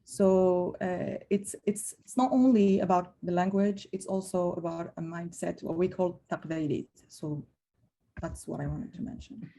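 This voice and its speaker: A woman's voice: fairly low pitch, steady tone, a little slow, warm tone, a little hiss or hum. A woman from Algeria introducing herself on a video call, hesitant, with many fillers. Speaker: panel guest.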